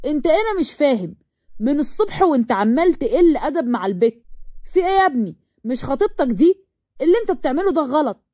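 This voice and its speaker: A woman voicing a stern, angry middle-aged father who scolds and shouts, with an Egyptian accent. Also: on the high side, expressive, brisk, no room sound, clean studio sound, close to an everyday voice.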